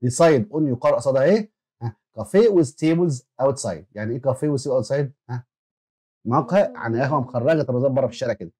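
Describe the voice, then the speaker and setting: A man's voice: mid-range voice, lively intonation, a little mellow, breathy edge. A man with an Egyptian Arabic accent teaching an English lesson to children, who repeats words for them to echo and quizzes them as he goes. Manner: quick, repeats words for pupils to echo and asks them questions. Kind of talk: classroom lesson explanation.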